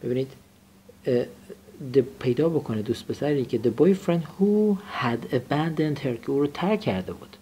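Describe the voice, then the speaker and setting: Man teaching a lively vocabulary class. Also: mid-range voice, a little hiss or hum. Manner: explains grammar and drills students to repeat phrases. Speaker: English teacher.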